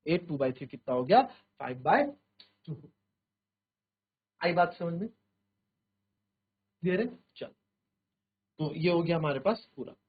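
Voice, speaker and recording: A man teaching a maths class in Hindi mixed with English, explaining step by step, counting aloud and asking if things are clear. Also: a little high, expressive, a little slow, long pauses, narrow, tinny audio. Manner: voices students' doubts himself and answers them. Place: virtual classroom studio.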